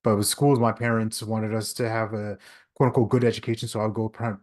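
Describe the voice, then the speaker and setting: Fairly low-pitched, level, and a little mellow, this man speaks fairly quickly as a podcast guest and leadership speaker. Originally from Long Island, New York, and a native English speaker, he shares his life story earnestly and reflectively, with many restarts and "right?" tags.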